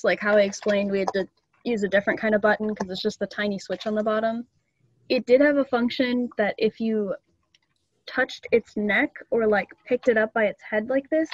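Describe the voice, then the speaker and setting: A woman's voice: fairly high pitch, dull audio. A young woman casually explaining things to a club meeting, chatty and loose with ums and small laughs, over a video call. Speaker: student club presenter.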